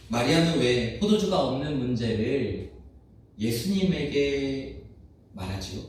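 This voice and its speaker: A man preaching a Sunday sermon as pastor, talking to the congregation with lively questions and acted-out bits of everyday speech. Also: medium pitch. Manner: animated, questions the congregation, acts out quoted voices. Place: church sanctuary. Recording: echoey church sanctuary, mic at a distance.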